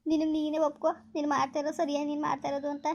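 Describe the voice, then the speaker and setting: A woman's voice: high voice, flat delivery, rapid-fire, muffled recording. A woman playing a heartbroken girlfriend begging. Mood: pleading. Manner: pleading, tearful, repeats please. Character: heartbroken young woman begging her lover. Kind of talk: village skit acting.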